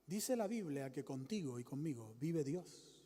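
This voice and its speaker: Slow, high-voiced preacher man in reverb. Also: lively intonation, husky. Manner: emphatic, repetitive preaching, rising to loud exclamations then dropping low. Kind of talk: sermon.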